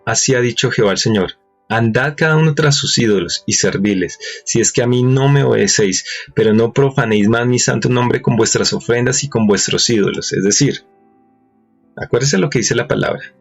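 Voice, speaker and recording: Guy preaching, gravelly voice, reads verses n asks questions, dull lo-fi sound w faint music. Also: mid-range voice, a little fast. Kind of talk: sermon with scripture reading.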